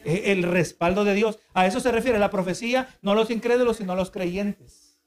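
In a high voice at a fairly quick pace, a male preacher explains his message with earnest intent. He keeps asking the congregation to agree and restarts his sentences many times.

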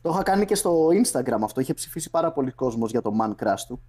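A man's voice: mid-range voice, lively intonation, a little mellow, husky. A young man hosting a casual podcast chat, bantering loosely with friends and laughing often. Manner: laid-back banter, frequent laughing and swearing. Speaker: podcast host.

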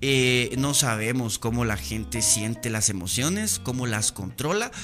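A man's voice: medium pitch, a little slow, music in the background. A young Guatemalan man hosting a podcast, telling stories in casual, slangy, playful chat. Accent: Guatemalan Spanish. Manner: animated, slangy, playful storytelling. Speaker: podcast host.

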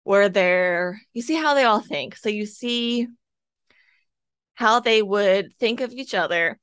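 A woman's voice: mid-range voice, a bit bright, no room sound, clean studio sound. A woman chatting casually about a book with a friend over a video call, full of "like" and "kinda". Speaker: podcast co-host. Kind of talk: casual book club chat. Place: home, with her cat nearby.

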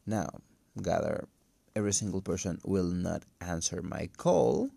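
Low, creaky, cracking-voiced man, non-native English. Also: sing-song, mellow, no echo. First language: not English. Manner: halting, hesitant, thinking aloud. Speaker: podcast host. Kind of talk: casual solo podcast monologue. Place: empty room. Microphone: phone.

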